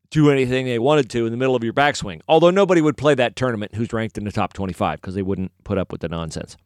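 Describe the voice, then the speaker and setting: A man's voice: lowish voice, smooth, no echo, clean studio sound. A middle-aged man giving casual, opinionated solo sports commentary, rambling and correcting himself as he goes.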